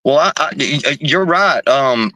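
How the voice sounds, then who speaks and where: A man's voice: mid-range voice, lively intonation, a little slow, sharp tone, dry recording. A man hosting a casual live stream, reading chat messages, talking loosely and profanely and saying "man" and "bro" all the time. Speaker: livestream host reading chat.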